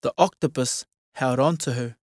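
A narrator reading a children's storybook aloud in a slow, expressive way. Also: mid-range voice, dry recording, studio quality.

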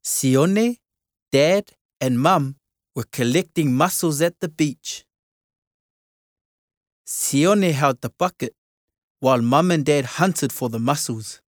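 A narrator reading a children's storybook aloud in a slow, expressive way. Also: mid-range voice, no room sound, studio quality.

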